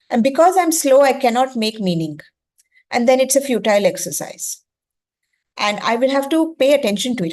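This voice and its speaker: A woman from India, a native Gujarati speaker with an Indian accent, has a slightly mellow voice on the high side. As the educator running a masterclass on reading, she explains with emphatic repetition and short questions to check understanding.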